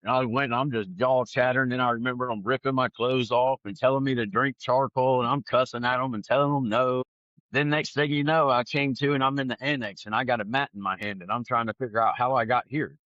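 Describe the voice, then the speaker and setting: A man telling his testimony in an animated, conversational way. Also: medium pitch, fairly quick, dry recording, muffled recording. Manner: animated, acts out other people's lines. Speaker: guest sharing his testimony. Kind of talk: conversational storytelling.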